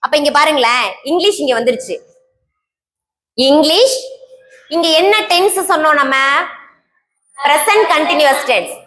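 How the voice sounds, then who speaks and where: A woman's voice: high-pitched, animated, normal speed, long pauses, a bit bright, a little hiss or hum. A woman teacher with a Tamil accent giving a classroom grammar lesson, quizzing students and repeating key terms, answering her own questions. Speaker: English teacher.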